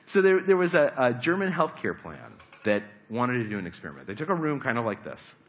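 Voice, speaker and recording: Animated man giving a talk. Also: mid-range voice, fairly quick, a little hiss or hum. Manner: animated, asks the audience questions. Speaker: speaker giving a talk on habits. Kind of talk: lively presentation to a live audience.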